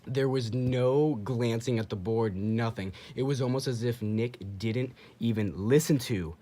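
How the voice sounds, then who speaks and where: A young man casually commenting over game footage as a channel host, excitable, repeating himself and acting out what the people on screen might be saying. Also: medium pitch, a little slow. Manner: excitable, repeats himself, acts out quoted dialogue.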